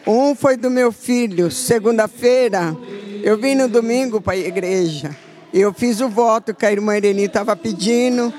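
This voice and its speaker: A woman's voice: mid-range voice, moderate pace, darkish tone. Older woman member giving a heartfelt spoken testimony; earnest storyteller. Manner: earnest, storytelling, quoting herself.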